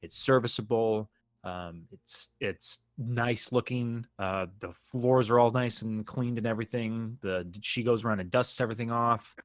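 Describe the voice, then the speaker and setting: A man narrating a tabletop game as game master in a rambling, halting way, often laughing. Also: medium pitch, steady tone, no room sound.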